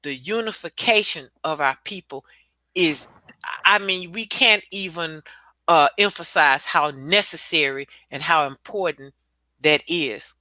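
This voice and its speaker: A woman's voice: deep voice, a little slow, bright, forceful tone, dry recording. A woman speaking emphatically and bluntly in a casual discussion, repeating points and swearing for force.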